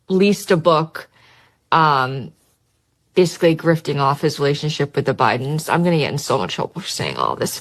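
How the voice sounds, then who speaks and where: A woman in an interview, hesitantly listing names. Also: deep voice.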